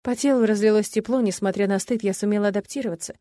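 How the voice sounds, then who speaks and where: A woman's voice: medium pitch, fast talker, mellow, no room sound. Female audiobook narrator, first-person, intimate delivery, dry close-mic sound. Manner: intimate, emotional storytelling.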